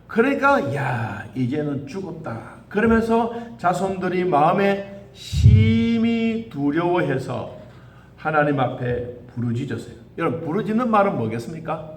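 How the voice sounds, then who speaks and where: A male pastor preaching a lively sermon, acting out quoted voices and leading the congregation in call-and-response. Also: high voice, unhurried. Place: church sanctuary. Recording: echoey church hall.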